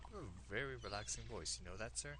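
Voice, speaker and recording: A man's voice: fairly low pitch, animated, fast talker, noisy background. A man hosting a let's play with casual, joking commentary, reacting aloud to the game.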